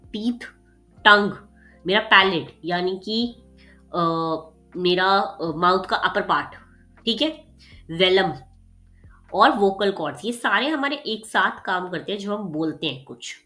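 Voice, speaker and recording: A woman with a mid-range voice casually teaches an exam revision lesson, frequently checking in with "theek hai" and "okay" and mixing in English terms. When excited while explaining, she gets faster and louder. Faint music plays behind her explanatory lecture.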